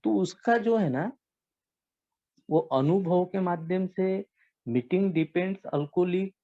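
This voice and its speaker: A man with a Marathi-tinged Hindi accent sharing his recovery story at a support meeting, forceful and preachy, scolding himself. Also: high voice, slow. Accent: Marathi-influenced Hindi. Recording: dull lo-fi online call audio.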